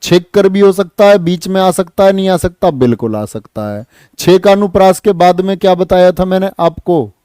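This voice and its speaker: A man teaching an exam-prep class, lively, asking students questions and answering them himself. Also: sits high, normal speed, smooth, no room sound. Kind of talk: online exam-prep lesson.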